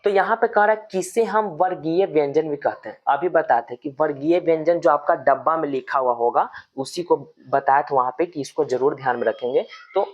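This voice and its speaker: Man teaching grammar, lo-fi audio. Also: on the high side. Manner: explains slowly, repeats example words with stress; addresses viewers as friends. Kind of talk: online grammar lesson.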